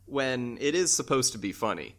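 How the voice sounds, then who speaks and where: A man's voice: medium pitch, expressive, normal speed, fairly bright tone. A man co-hosting a podcast, chatting casually and thinking aloud with frequent restarts. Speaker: podcast co-host. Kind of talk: casual chat.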